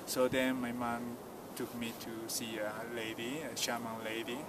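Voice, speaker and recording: Heavy background noise surrounds an unhurried, mid-range male voice telling a story outdoors at a mountain site. He's a tour guide from the Cusco countryside in Peru, a native Quechua speaker, talking casually in an interview with simple phrasing and lots of "you know." The distant outdoor mic picks up loud ambience.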